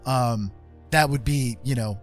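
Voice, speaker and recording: Background music accompanies a streamer host who speaks in a medium-pitched voice, a little slow. He chats casually, explaining in an emphatic, rambling way and repeating phrases for stress.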